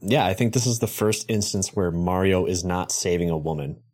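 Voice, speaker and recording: Low-ish voiced guy rambling on a podcast, jokes around, swears a lot, keeps correcting himself. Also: normal speed, a little mellow. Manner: rambling, jokey, swears freely, self-correcting. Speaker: podcast co-host. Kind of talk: casual chat.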